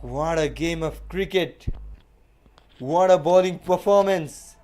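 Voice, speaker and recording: A male cricket commentator with a notably high, clean and smooth voice. He calls live play ball by ball and repeats key phrases for emphasis. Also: takes it slowly, darkish tone.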